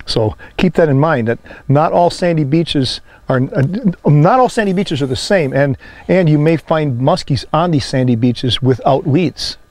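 A middle-aged man hosting a fishing show, talking outdoors on a lake boat with a lapel mic, excited as he coaxes and lands a fish. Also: on the high side, normal speed, no room sound. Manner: excited, coaxing the fish while landing it.

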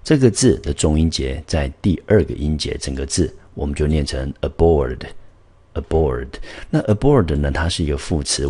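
Male teacher with a Taiwanese Mandarin accent, very low and husky, patient word-by-word explainer. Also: warm tone. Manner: patient, explains word by word, slows down on English words. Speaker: English teacher. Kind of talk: vocabulary lesson.

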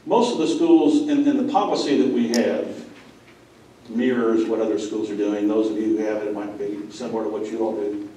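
Middle-aged guy giving a conference talk, lowish mellow voice, mic far off in a big echoey room. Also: fairly even intonation, normal speed, a little hiss or hum. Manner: plainspoken storytelling with audience asides. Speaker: school president. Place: conference room with a seated audience.

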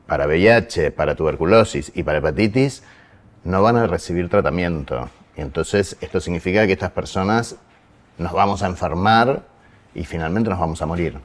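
A man with a Rioplatense Spanish accent speaks as an interview guest, his voice sitting very low. He lays out numbers earnestly, with plenty of fillers and self-corrections along the way. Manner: explains with figures, frequent fillers and self-corrections. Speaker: guest, program director of a foundation.

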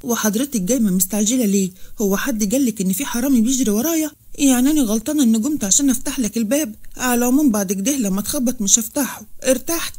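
Woman reading as a sharp-tongued Egyptian bride. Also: fairly high pitch, very fast, close to an everyday voice. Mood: irritated. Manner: sharp, teasing. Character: spirited young bride, quick-tempered.

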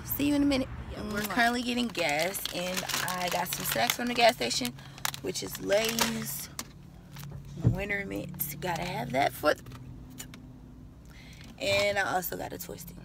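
A young woman vlogs from her car. She talks in a loose, slangy way and often breaks into sudden excitement. Loud road and engine noise runs under her voice the whole time. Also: mid-range voice, normal speed, vocal fry. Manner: chatty, slangy, bursts of excitement. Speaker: vlogger. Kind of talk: casual vlog chat.

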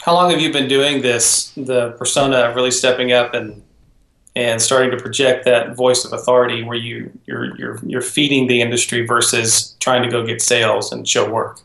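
A man's voice: medium pitch, little pitch movement, normal speed, gravelly, a bit bright. A man asking long, winding interview questions in a casual way, often restarting mid-sentence. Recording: roomy echoey room.

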